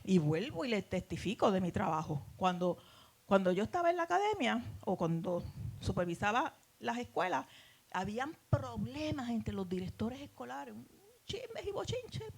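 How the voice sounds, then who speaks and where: A woman's voice: mid-range voice, very animated, normal speed, creaky. A middle-aged woman teaching a Bible class in a preacherly way, addressing listeners as beloved and asking them rhetorical questions.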